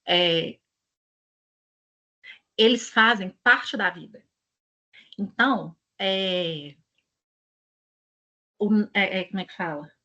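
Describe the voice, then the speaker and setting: A woman's voice: medium pitch, takes it slowly, long pauses, sharp tone, highs cut off. A woman with a Brazilian Portuguese accent, presenting an education channel and talking casually to her audience in a chatty, digressive, storytelling way.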